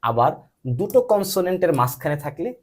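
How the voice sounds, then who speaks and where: Lively-voiced man teaching pronunciation. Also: fairly high pitch. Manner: asks frequent check questions and spells letters out slowly. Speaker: English teacher. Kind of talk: patient spoken lesson, quizzing a student.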